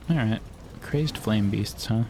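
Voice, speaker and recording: A young male gaming streamer with a low, gravelly, dark-toned voice talks slowly and loosely over his gameplay. He drifts between jokes and tangents with crude, offhand humor, and his rambling commentary sits over a faint hiss.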